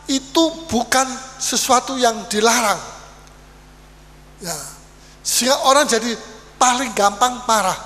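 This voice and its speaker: A pastor preaching a sermon in a church, animated and lively, acting out little quoted exchanges. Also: male voice, very high-pitched. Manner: animated preaching with acted-out quotes and Dutch sayings. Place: church hall. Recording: reverberant church hall, faint hum.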